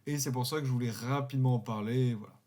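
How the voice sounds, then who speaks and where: A man's voice: mid-range voice, quick pace, dark tone. A man co-hosting a football podcast, talking casually and at length, explaining a story with the odd light joke. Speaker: podcast co-host. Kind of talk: casual sports podcast talk.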